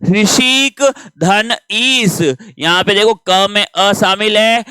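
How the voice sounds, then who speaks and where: A man's voice: sits high, slow pace, bright, forceful tone, smooth, no echo. A man teaching grammar in a patient classroom manner, asking questions and answering them himself.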